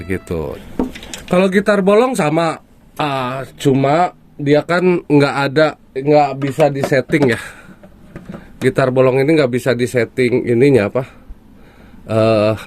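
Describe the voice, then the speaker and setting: A man's voice: medium pitch, darkish tone, a little hiss or hum. A man casually explaining a guitar topic to viewers, with frequent fillers and a conversational, hands-on manner. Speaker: guitar tutor.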